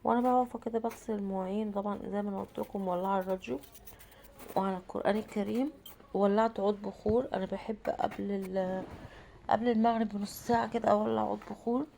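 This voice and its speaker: A woman's voice: medium pitch, steady tone, fast, vocal fry, warm tone, slight background noise. A woman in her thirties with an Egyptian Arabic accent, who has a cold, chatting casually through her cooking day and answering her own questions. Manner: chatty, asks herself questions and answers them. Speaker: home vlogger and mother. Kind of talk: casual cooking vlog narration.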